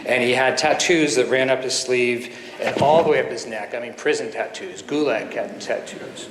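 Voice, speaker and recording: A man in his fifties, a surgeon giving an earnest keynote speech full of anecdotes, with pauses and fillers, at a podium microphone in a conference hall. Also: medium pitch, a bit bright. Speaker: guest speaker, surgeon. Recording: echoey hall with faint ambience.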